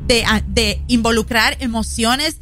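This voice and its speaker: Woman pastor, earnest preaching, high bright voice, soft music underneath. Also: unhurried. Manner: earnest preaching tone, addresses audience directly.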